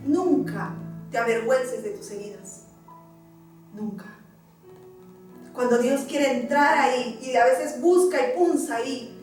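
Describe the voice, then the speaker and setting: Woman pastor, high voice, heartfelt sermon, echoey hall, soft music behind. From Peru. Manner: emotional testimony, addressing the congregation. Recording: echoey church hall, distant mic, faint music.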